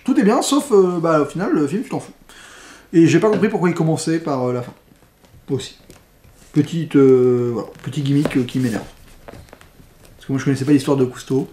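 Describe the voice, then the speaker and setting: A man's voice: fairly high pitch, moderate pace, long pauses, dark tone. Blunt, slangy man in an echoey room. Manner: blunt, slangy, rambling asides. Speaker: film critic vlogger. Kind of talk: casual unboxing commentary.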